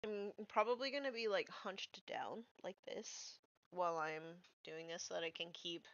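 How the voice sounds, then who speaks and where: Chatting casually as she paints miniatures on stream, a woman thinks aloud at a moderate pace, her voice a little nasal from a cold. She speaks on the low side with a bit of brightness. The recording is dry, with dull, slightly lo-fi stream audio.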